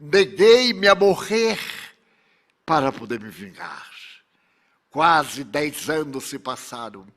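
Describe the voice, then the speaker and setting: A woman who survived great cruelty speaks of forgiveness, as a man retells her words. Her voice is high and unhurried, and each phrase comes out solemn and heavy with grief. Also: expressive, vocal fry, fairly bright tone, heavily acted.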